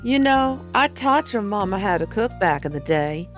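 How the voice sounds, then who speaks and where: A woman's voice: mid-range voice, animated, moderate pace, soft background music, lightly acted. A woman voicing a doting older diner lady in a video game, fussing over people in a motherly, guilt-tripping way. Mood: fussing, affectionate. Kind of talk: reading video game dialogue in character.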